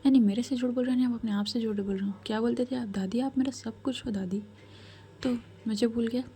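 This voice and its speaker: A woman voicing a calm, commanding royal grandmother who gives measured, firm advice. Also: fairly high pitch, natural voice. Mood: firm counsel.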